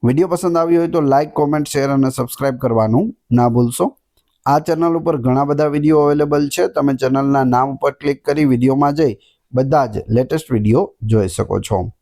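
A man's voice: medium pitch, moderate pace, warm tone. A man teaching an exam-prep lesson, reading out each question and then giving its answer.

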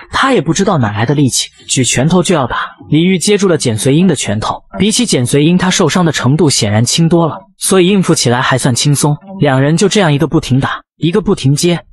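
Male comic recap narrator, quick husky delivery, a touch above average pitch.

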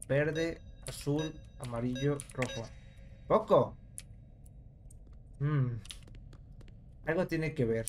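Male gamer, relaxed let's-play chatter, mid pitch, faint hiss behind. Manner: casual, talks to viewers while puzzling aloud. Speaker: gameplay commentator.

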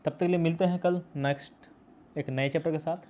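A man's voice: fairly high pitch, steady tone, brisk, mellow. A male teacher explaining a poem in a class video, patient and repetitive, mixing English terms into his speech. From India.

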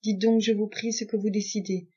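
A woman's voice: medium pitch, flat delivery, fairly quick, warm tone, breathy edge. Female narrator doing a nervous, yielding young man, level delivery, dull lo-fi audio. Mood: conciliatory. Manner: conciliatory, nervous. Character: timid, accommodating young Japanese man.

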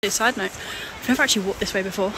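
A woman vlogs while out on a hiking trail, chatting casually and reflectively in a rapid-fire, medium-pitched voice. The outdoor recording is very noisy with wind and the sound of water.

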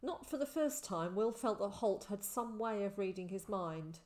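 A woman narrating an audiobook, reading a story in an expressive way. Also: medium pitch, moderate pace. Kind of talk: scripted narration.

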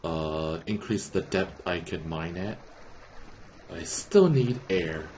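A young man giving low-key, casual gameplay commentary, muttering his thoughts aloud as he plays. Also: expressive, takes it slowly, darkish tone. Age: young adult. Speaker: gamer playing on camera. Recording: very noisy, game ambience behind.

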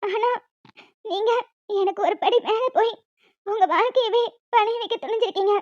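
A woman's voice: very high voice, normal speed. A woman voicing a remorseful, jealous young woman who talks in an earnest, pleading way. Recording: dull lo-fi audio with music.

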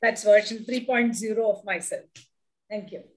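A middle-aged woman with a South Indian accent, a native Malayalam speaker, reading and introducing a poem with deliberate, expressive phrasing over a video call. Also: mid-range voice. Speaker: poet reading own work. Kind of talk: poetry reading with explanatory introduction. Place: indoor room at home, video call. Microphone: video call microphone.

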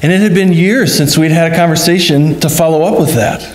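A man's voice: fairly high pitch, a little fast, a little hiss or hum. A middle-aged man, a pastor, preaching at a funeral service in a church, telling a story earnestly and voicing the dialogue in shifting tones. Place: church sanctuary.

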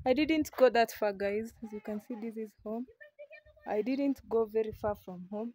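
A woman's voice: on the high side, normal speed, mellow. A young woman, chatting casually to her phone camera as she walks around a rural farm. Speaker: village life vlogger. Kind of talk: casual vlog narration. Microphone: phone camera held at arm's length.

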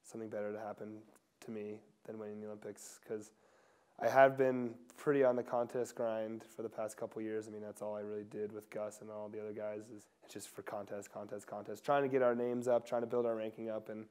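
A young man answering interview questions in a casual, soft-spoken way, with fillers and restarts, seated in an indoor lodge room. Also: on the low side, flat delivery, a little fast, clean tone. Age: young adult. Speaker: pro skier interviewee.

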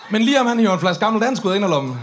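A man's voice: sits high, big pitch swings, slight background noise. A man performing a stand-up story on stage, swearing freely and acting out the drunk voices of the people in it. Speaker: comedian telling a story on stage.

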